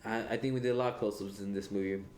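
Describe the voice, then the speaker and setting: Laughing director in a roomy commentary. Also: male voice, fairly low pitch, rapid-fire, crowd noise. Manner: laughs often, excitable, repeats words. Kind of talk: casual film commentary chat. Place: room with others watching a film. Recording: roomy echo, faint background noise.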